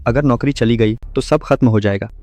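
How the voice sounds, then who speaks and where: A man's voice: mid-range voice, brisk, background noise, natural voice. A male dub actor playing a greedy relative who eagerly agrees with everyone and fawns over them. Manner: eager and fawning. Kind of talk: Hindi dub acting.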